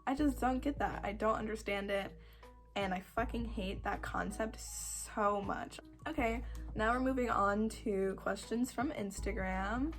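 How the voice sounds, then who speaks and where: A woman of twenty-one talks casually to her followers in a croaky voice at a middling pitch. She rambles in a self-deprecating way and leans on words for dramatic effect. Music plays underneath. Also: measured pace. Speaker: video creator answering follower questions. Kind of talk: casual chat to camera.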